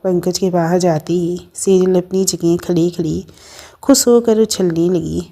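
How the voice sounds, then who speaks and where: A woman narrating a family story in a steady, expressive reading. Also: lowish voice.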